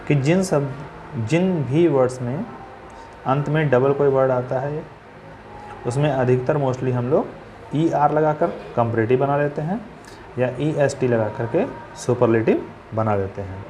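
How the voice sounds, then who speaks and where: A man's voice: mid-range voice, dark tone, a little hiss or hum. Man patiently teaching grammar, spelling words out. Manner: asks questions then answers them himself. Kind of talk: classroom grammar lesson.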